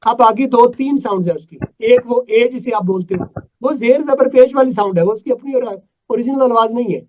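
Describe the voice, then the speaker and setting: A man's voice: very high-pitched, normal speed, darkish tone, low-quality recording. A man from Pakistan teaching an English class over a video call, emphatic and quizzing his students. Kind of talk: live online class.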